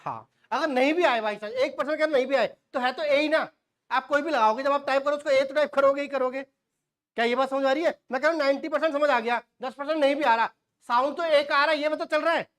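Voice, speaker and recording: A man in his forties teaches shorthand in a classroom lecture, quizzing students and answering his own questions, with homely jokes and asides. His voice is very high-pitched, fast and fairly bright.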